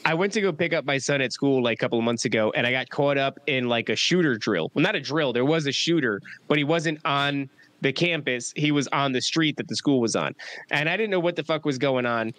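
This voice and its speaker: A man's voice: mid-range voice, a little fast, fairly bright tone, no echo. A young man hosting a podcast, chatting casually and swearing as he tells stories. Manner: profane, rambling, talks through stories. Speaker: podcast host. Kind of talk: casual chat.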